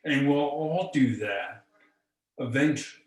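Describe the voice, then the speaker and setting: A man talks as a spiritual teacher on a group video call. He speaks very slowly and deliberately. He sounds set back from the mic, in an echoey room. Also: mid-range voice, lively intonation, recorded from a distance. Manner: slow and deliberate.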